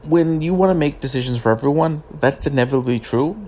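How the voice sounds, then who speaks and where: A man who sounds groggy from just waking up, giving casual, unscripted political commentary in a halting way with repeated words and pauses. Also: on the high side, mellow, slight background noise.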